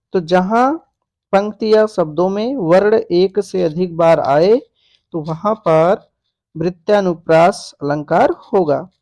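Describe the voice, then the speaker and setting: A man's voice: high voice, darkish tone. A man teaching a grammar lesson for exam preparation, who poses questions to his students and then answers them himself. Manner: slow, deliberate, asks and answers own questions. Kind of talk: exam-prep grammar lecture.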